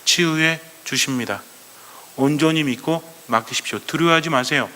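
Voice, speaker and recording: Animated preaching priest in a reverberant hall. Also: male voice, fairly high pitch, normal speed. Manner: animated, asks the congregation questions and acts out Gospel voices. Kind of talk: sermon.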